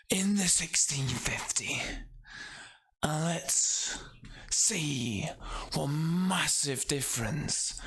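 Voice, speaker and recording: Man putting on a slow, hushed nature documentary narrator. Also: a little high, background noise. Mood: hushed, solemn. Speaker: gameplay commentator. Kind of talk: nature documentary narration parody of game commentary.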